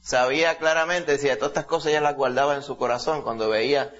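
A man's voice: mid-range voice, steady tone, fast talker, fairly bright tone, highs cut off. A man from Latin America preaching a sermon in a conversational teaching style, full of rhetorical questions and "ok?" check-ins.

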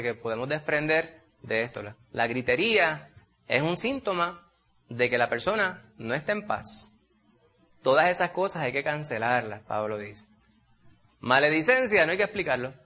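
Man, preaching, lively rhetorical questions, bright sharp tone, muffled lo-fi sound. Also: fairly high pitch. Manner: animated, rhetorical questions, addresses listeners as brother. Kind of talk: sermon. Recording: dull lo-fi recording.

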